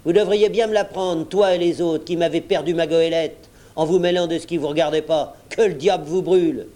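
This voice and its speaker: A man's voice: medium pitch, slow pace, close to an everyday voice. A man voicing a blustering, cunning male pirate captain who bullies and mocks his crew. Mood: threatening. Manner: loud, bullying, scornful.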